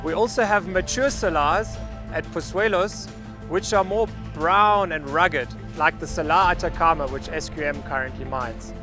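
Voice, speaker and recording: A man in his thirties walks viewers through a mining project while standing outdoors on a salt flat. His voice sits a little high and his delivery stays measured and matter-of-fact. He is close-miked with a lapel mic, and music runs clearly underneath him. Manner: measured, factual briefing. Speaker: mining company representative. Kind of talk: on-site project presentation to camera. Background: background music.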